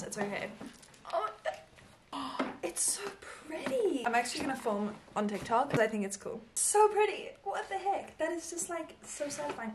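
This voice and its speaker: Bubbly south african girl vlogging, lots of likes and oh my gods, high voice. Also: noisy background. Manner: bubbly, gushing, lots of fillers. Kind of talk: casual chat to camera. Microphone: small handheld camera.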